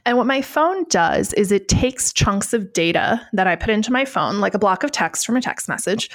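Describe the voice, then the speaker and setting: A woman's voice: mid-range voice, lively intonation, moderate pace, no room sound. A woman podcast host explaining technology in a conversational, explanatory tech-explainer manner.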